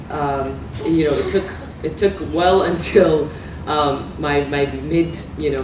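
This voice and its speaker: Middle-aged woman lecturer, from Romania, conversational and halting, echoey room, heard from a distance. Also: deep voice, noisy background. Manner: conversational, many fillers and self-corrections. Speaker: guest lecturer. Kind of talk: academic lecture.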